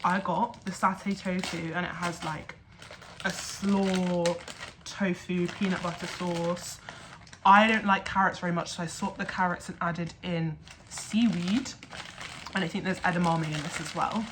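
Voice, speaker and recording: A woman's voice: fairly low pitch, fairly even intonation, a little slow, noisy background. A young woman chatting casually to camera in a vlog, with lots of filler words. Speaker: vlogger.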